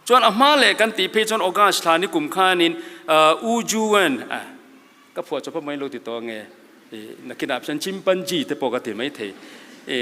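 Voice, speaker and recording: A man's voice: fairly high pitch, pushed and bright. A church elder from Mizoram giving an earnest, exhorting motivational sermon to young people, quoting scripture as he goes. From Mizoram, India. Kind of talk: sermon-style motivational speech. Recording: long hall reverb.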